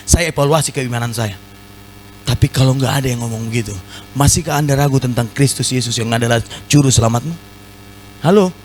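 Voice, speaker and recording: A man with a Batak accent preaching a sermon in a large church, animated and full of playful asides to the congregation. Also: a little high, a little hiss or hum, poor audio. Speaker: pastor.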